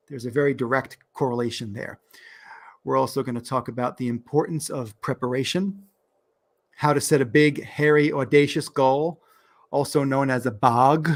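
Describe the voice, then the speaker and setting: A podcast host with a New York accent introduces his guest in an upbeat interview, laughing often. His voice is medium in pitch and his pace is normal.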